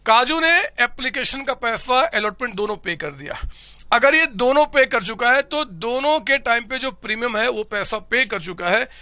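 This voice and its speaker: Loud high-voiced male teacher, sore throat. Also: no room sound. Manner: loud, energetic, often shouting to motivate students; keeps asking students questions. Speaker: commerce teacher. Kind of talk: classroom lecture.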